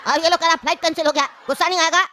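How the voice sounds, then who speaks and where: A woman's voice: very high voice, steady tone, very fast, pushed and bright, a little hiss or hum. A woman voicing a hot-tempered elderly grandfather who rants and scolds in a cartoon comedy. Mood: angry.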